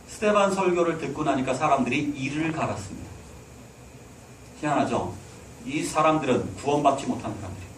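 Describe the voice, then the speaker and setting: High, lively preaching man in an echoey hall. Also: slight background noise. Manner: exhorting, asks the hall rhetorical questions. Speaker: pastor. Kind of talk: sermon. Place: church sanctuary. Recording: echoey hall, mic at a distance.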